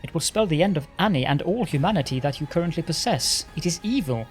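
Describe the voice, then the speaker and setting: A man's voice: on the high side, lively intonation, fast, lightly acted. A stern, earnest crusader companion acted by a man from a fantasy game. The delivery is grave and serious, set over music. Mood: stern warning.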